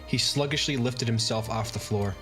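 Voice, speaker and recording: An easygoing man reads a visual novel's narration aloud and chats between scenes. His voice sits at a middling pitch, with faint music running under it. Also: moderate pace. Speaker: streamer. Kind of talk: casual gameplay commentary and narration reading.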